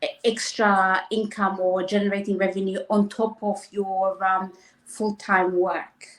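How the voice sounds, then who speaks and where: A woman's voice: mid-range voice, level tone, unhurried, a bit bright. Hesitant woman host in an echoey room. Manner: friendly, hesitant questions with many ums. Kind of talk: casual online interview.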